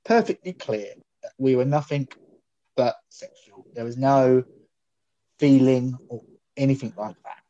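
A man chatting casually, telling rambling, halting stories. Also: medium pitch, warm tone, lo-fi sound. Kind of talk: casual chat.

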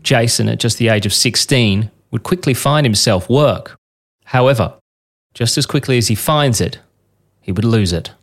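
A man's voice: medium pitch, moderate pace. A man hosting a show, delivering scripted storytelling narration. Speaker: podcast host and narrator. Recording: noticeable background noise.

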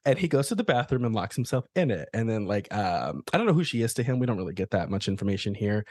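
A podcast co-host in casual chat, slangy and sweary, telling things haltingly and quoting their own reactions. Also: mid-range voice, sing-song, a little mellow, dry recording. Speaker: podcast co-host reviewing short films.

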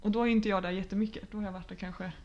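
A woman's voice: medium pitch, fairly even intonation, muffled recording. Earnest, reflective woman on a podcast. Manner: earnest and reflective, many fillers. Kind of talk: casual podcast conversation.

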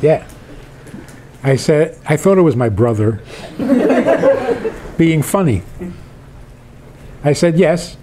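A man, a rabbi, telling a lively story with quoted dialogue and chuckles. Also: fairly high pitch, slow pace, long pauses, a crowd in the background. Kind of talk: storytelling in conversation.

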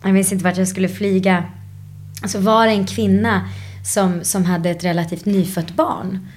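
A woman actress in a casual interview, reflective and animated as she tells stories, dropping in English phrases. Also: medium pitch. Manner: drops English phrases into her speech. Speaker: actress guest.

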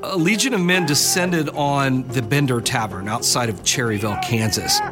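A man's voice: medium pitch, moderate pace. Male crime-history commentator over music. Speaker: documentary commentator. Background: music behind the voice.

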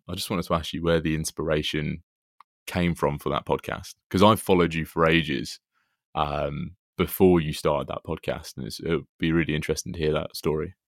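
Very deep-voiced male podcast interviewer. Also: no room sound, studio quality. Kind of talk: casual interview chat.

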